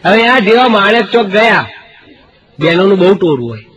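A middle-aged stand-up comedian from Gujarat, India, tells comic stories on stage before a live audience, animatedly acting out the voices of his characters. His voice is high-pitched at a moderate pace, the audio is dull, and loud crowd laughter fills the live recording.

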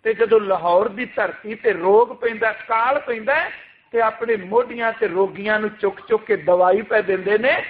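A man with a very high voice delivers an impassioned Sikh sermon, pressing his listeners with rhetorical questions. His voice comes through thin and tinny, like over a phone line. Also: moderate pace. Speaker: Sikh preacher. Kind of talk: religious sermon with recited scripture.

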